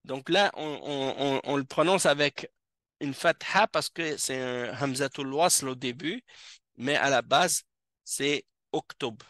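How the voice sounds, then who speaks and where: Man, teacher, classroom lesson, patient, repeats words, unhurried, bright voice. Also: mid-range voice, no room sound, clean studio sound. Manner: patient, repeats each word several times. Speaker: Arabic teacher. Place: mosque classroom.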